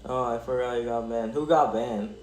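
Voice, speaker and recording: A man streaming a game, talking casually to his chat in quick rambling bursts and restarts. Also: mid-range voice, fairly even intonation, a little mellow, slight background noise. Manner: rambling, talks to chat while playing; quick bursts, trailing off mid-sentence. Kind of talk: casual gaming livestream chat.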